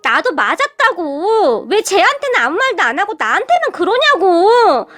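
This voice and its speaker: A woman's voice: very high-pitched, very animated, moderate pace, a bit bright, faint music behind, voice pushed up, heavily acted. A woman voicing a bratty adult sister-in-law who shrieks and whines tearfully. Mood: tearful whining.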